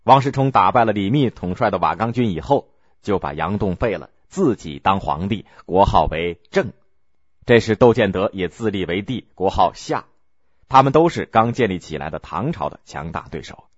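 A man narrating a historical story in a measured, expressive way. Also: deep voice, slightly rough, no echo. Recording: dull lo-fi recording.

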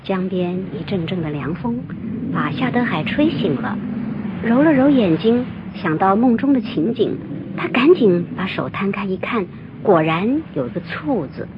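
A woman telling a folktale in scripted narration, expressive and lively. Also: medium pitch, measured pace, heavy background noise. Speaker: storyteller. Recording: muffled lo-fi recording, soft music.

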